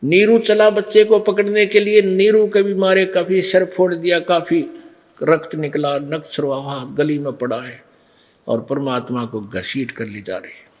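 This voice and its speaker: A man's voice: on the high side, fairly even intonation. A man preaching a devotional sermon, telling a story and acting out what the figures say. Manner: slow storytelling that acts out the figures' lines.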